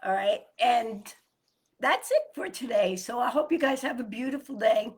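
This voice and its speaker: Chatty woman cohost, kinda breathy husky voice, pitched up a bit, laughs a lot. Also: normal speed. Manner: chatty, laughs often, loose run-on storytelling. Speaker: morning show co-host. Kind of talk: casual chat.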